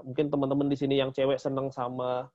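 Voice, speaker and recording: A man's voice: medium pitch, monotone, fast talker. A man co-hosting a casual promotional chat about a training, chatty and laughing often. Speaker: co-host of a training talk. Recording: dull lo-fi sound.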